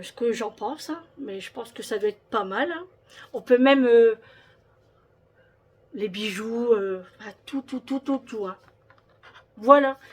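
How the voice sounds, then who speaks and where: A woman vlogger chatting casually about her shopping haul, with many hesitations and repeated words. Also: fairly high pitch.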